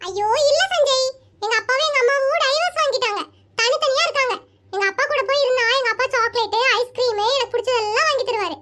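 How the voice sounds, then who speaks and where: A performer voicing a cheerful, chatty little girl with a giggly manner in an animated comedy cartoon. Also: extremely high pitch, fast talker. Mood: chirpy.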